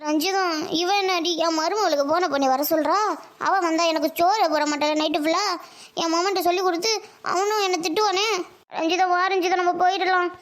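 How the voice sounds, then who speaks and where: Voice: extremely high pitch, fairly even intonation, fairly quick, a bit bright. A performer voicing a timid, anxious old mother-in-law in a cartoon, talking in a fretful, pleading way. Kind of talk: cartoon voice acting.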